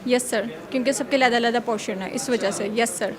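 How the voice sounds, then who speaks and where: A woman's voice: fairly high pitch, normal speed, a crowd in the background. A woman in her late twenties answering an interviewer's questions, defensive and insistent, often replying "yes sir". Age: 20s.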